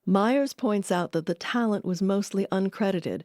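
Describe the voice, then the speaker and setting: Narrating and hosting a radio history documentary, a woman speaks in a measured storytelling manner. Her mid-range voice has a darkish tone, recorded dry in clean studio sound.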